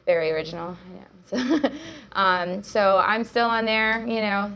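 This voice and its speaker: A woman's voice: medium pitch, normal speed, sharp tone. A young woman, a jiu-jitsu coach, talking as a guest in a casual chat, upbeat and full of fillers and laughs.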